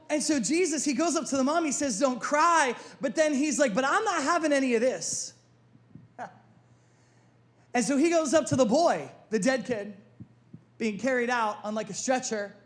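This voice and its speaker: A man preaching a sermon as lead pastor, his voice sitting very high for a man. He repeats key phrases for emphasis and checks in with his listeners with quick questions. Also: lively intonation. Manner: asks the congregation for responses.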